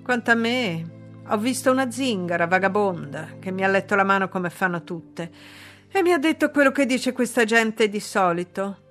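A woman voicing a haughty, imperious young noblewoman in a read-aloud novel, with a raised, loud and commanding delivery. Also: mid-range voice, normal speed, faint music behind, lightly acted. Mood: scornful.

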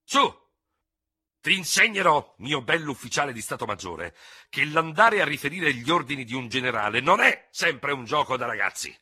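A man reading aloud voicing a hot-headed young hussar officer, shouting and taunting his rival in fury. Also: mid-range voice, sing-song, normal speed, husky, pitched above the performer's own voice, full character voice. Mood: raging, taunting. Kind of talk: dramatic audiobook reading.

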